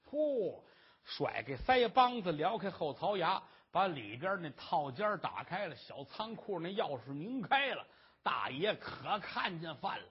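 A man performing traditional Chinese storytelling, lively and dramatic, on a dull lo-fi recording. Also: measured pace, a little hiss or hum. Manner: lively, dramatic, shifting pitch.

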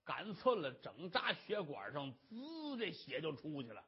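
Brief: traditional storyteller, husky, animated, lo-fi. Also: medium pitch, unhurried. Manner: animated, dramatic. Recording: dull lo-fi recording.

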